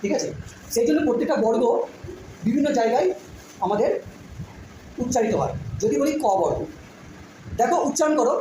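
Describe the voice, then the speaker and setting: A woman's voice: on the high side, fairly quick, pauses often. A woman teaching a phonetics lesson to a class, patiently repeating sounds and often checking that students follow. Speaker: school teacher. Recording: very echoey room, noisy background.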